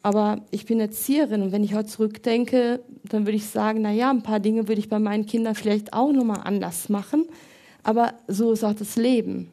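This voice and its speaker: Calm storytelling woman, soft dark tone. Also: mid-range voice, fairly quick. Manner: calm storytelling, quoting others. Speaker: educator speaking on grief. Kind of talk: reflective talk to an audience.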